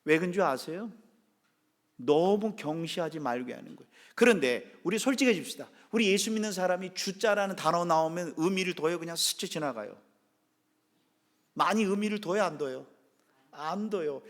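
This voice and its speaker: A male pastor delivers a Sunday sermon in an animated way, constantly asking the congregation questions. His voice sits fairly high for a man. The sound carries the long reverb of a church sanctuary. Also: normal speed.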